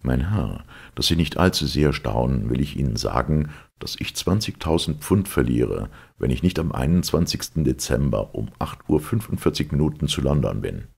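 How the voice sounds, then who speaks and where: A man voicing a calm, phlegmatic English gentleman who speaks in an unruffled way. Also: very deep voice, moderate pace, creaky, hardly any pauses, slightly rough, full character voice. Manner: unruffled, even-tempered.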